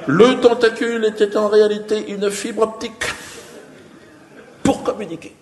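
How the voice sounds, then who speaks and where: A man's voice: sits high, steady tone, normal speed. A man doing stand-up on stage before a live audience, telling a story in a rambling, chatty way full of hesitations. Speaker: stand-up comedian.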